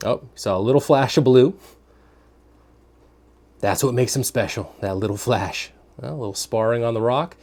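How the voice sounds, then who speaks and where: Leading an informal vlog-style tour of indoor workplace rooms, a man rambles and thinks aloud, leaving long pauses. His voice is medium-pitched with a darkish tone, and his pace is moderate. Faint room and air-conditioning noise runs underneath.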